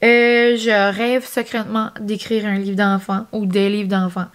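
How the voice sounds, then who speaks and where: A woman's voice: mid-range voice, little pitch movement, a little slow. A young woman with an Acadian French accent, chatting casually in a vlog and rambling with lots of fillers. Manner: chatty, rambling, many fillers and "genre, comme". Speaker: vlogger.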